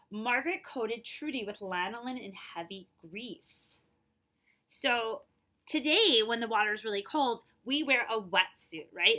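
Recorded by a device camera roughly an arm's length away, a woman in about her forties gives an expressive reading of a children's picture book. She stretches key words and adds asides to explain. Her mid-range voice sounds bright and forceful.

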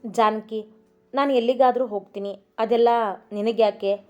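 A woman's voice: on the high side, fairly even intonation, normal speed, close to an everyday voice. A woman doing a curt, teasing young husband. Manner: terse, offhand replies. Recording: dull recording with soft music.

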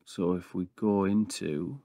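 Low-voiced, even man gaming in an attic. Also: slow pace, dry recording, clean studio sound. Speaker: YouTube gaming host. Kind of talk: casual game commentary. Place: small brick-walled attic room.

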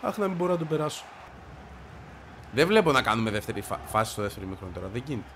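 A man with a stuffy, congested voice giving excited commentary as he plays a football video game, shouting and grumbling at the match. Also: mid-range voice, a little hiss or hum. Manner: shouts and yelps at the game, frustrated outbursts. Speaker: gaming video creator.

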